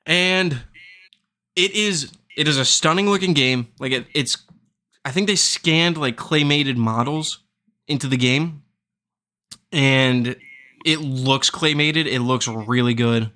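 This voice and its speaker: A man's voice: medium pitch, slow, pushed and bright. A man hosting a gaming podcast in casual chat, rambling and searching for words. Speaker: podcast host.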